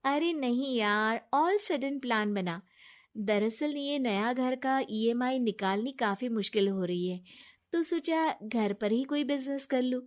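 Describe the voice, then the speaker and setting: A woman's voice: on the high side, lively intonation, takes it slowly. A woman voicing a trusting, kind young married woman who talks earnestly, in a storybook drama.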